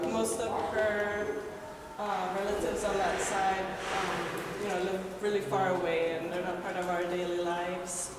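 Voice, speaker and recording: Swedish-born woman painter, distant and echoey. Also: lowish voice. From Sweden. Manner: informal, many ums and restarts. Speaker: painter giving an artist talk. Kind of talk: casual gallery talk. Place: large museum gallery. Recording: distant, echoey gallery with loud noise.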